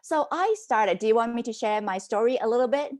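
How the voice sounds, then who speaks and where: Her voice sits fairly high and moves fairly quickly as she tells her life story. She's a podcast guest in her forties, a business mentor with a Hong Kong and Canadian upbringing, and the casual interview has an animated, conversational feel.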